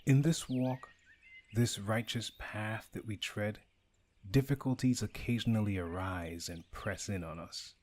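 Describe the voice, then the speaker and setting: A man delivering a scripted morning devotional in a measured, earnest way. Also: on the low side, a little mellow, slight background noise. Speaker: devotional speaker.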